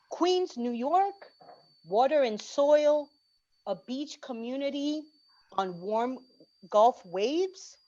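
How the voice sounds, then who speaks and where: Woman reading a poem over dull audio. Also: a little high. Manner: measured, pausing between list items. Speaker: orientation organizer. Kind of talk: reading a collective poem aloud.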